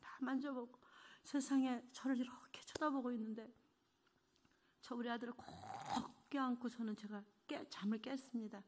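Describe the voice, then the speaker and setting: A middle-aged woman giving an emotional church testimony, earnest, moving between hushed and fervent delivery. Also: on the high side, animated, moderate pace, a little hiss or hum.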